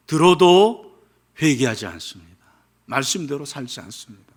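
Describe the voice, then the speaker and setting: A man's voice: high-pitched, a bit bright. A man preaching a sermon as pastor, asking the congregation questions and leading them in reading scripture aloud. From South Korea. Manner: rhetorical questions to the congregation, leads responsive reading.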